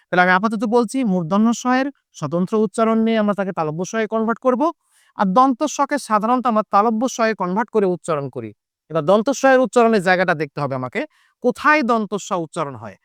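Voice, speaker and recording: Talking fast and animatedly, a Bengali teacher from Chapainawabganj, Bangladesh, runs an online lesson in his local accent, repeating the main points and answering his own questions. His voice sits high with a fairly bright, clean tone, captured in a dry, studio-quality recording.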